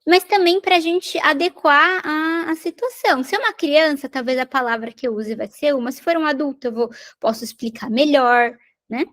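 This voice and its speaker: A woman's voice: sits high, normal speed, fairly bright tone. A woman giving a recorded lesson on parenting skills, explaining patiently and checking in with tag questions. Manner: explanatory, repeats and rephrases points, tag questions. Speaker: parenting educator.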